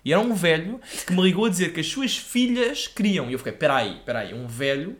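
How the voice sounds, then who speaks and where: A young man, telling stories in an animated, slangy way as a casual podcast co-host. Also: sits high, fast. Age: young adult. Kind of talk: casual chat, storytelling.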